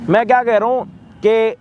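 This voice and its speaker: A man hosting and mediating a staged street quarrel, calming the pair down with bossy, joking asides, outdoors by a street. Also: high voice, a little slow, lo-fi sound, background noise. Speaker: mediator and host with camera.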